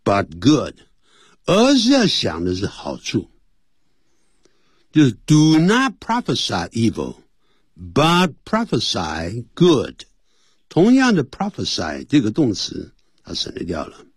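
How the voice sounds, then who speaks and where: Husky, lively male English teacher. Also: medium pitch, no echo, studio quality. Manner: explains Chinese and English in turn, reads phrases slowly. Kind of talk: radio English lesson. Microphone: studio mic.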